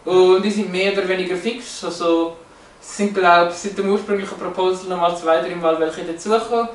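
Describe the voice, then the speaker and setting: A man's voice: high-pitched, fairly even intonation, fairly quick, slight background noise. A man explaining language features from slides, hesitant, with many fillers and restarts. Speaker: presenter. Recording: roomy, echoey, from a distance.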